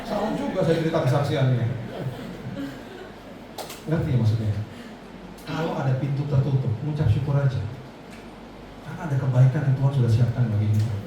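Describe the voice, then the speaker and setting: A man's voice: mid-range voice, a little fast, pauses often. Man preaching in an echoey hall. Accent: Indonesian. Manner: animated, acts out voices in his story. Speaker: pastor. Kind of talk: storytelling sermon. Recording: echoey hall, far-off mic, noisy.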